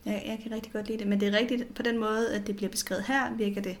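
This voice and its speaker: A woman co-hosting a podcast in casual chat, friendly and relaxed, reading out listener messages. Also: medium pitch.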